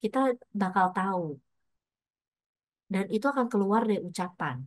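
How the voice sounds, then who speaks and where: A woman's voice: medium pitch, moderate pace, dry recording. A middle-aged woman pastor giving a casual, chatty sermon full of personal stories, mixing in English words.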